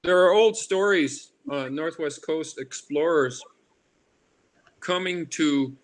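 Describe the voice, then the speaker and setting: An older Alaskan man, an artist and carver, reminisces casually in an interview, his voice pitched a little high. He speaks haltingly and rambles, restarting often and drifting into tangents. Noticeable background noise runs under the recording.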